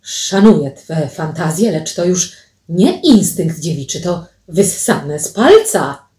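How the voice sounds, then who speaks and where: A prim, appalled young man pleads and protests in a slow, low, mellow voice, as a woman reads him. The voice rings out in a roomy space, caught from some distance. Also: big pitch swings, heavily acted. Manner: indignant, pleading outbursts. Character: young man, earnest, shocked and squeamish.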